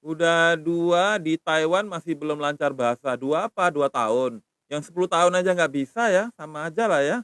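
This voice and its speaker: On a live stream, a middle-aged man teaches a language, slowly sounding out words and checking in with his viewers. His smooth, fairly bright voice sits a little high, recorded close to a phone mic in a dry, dead room with no echo.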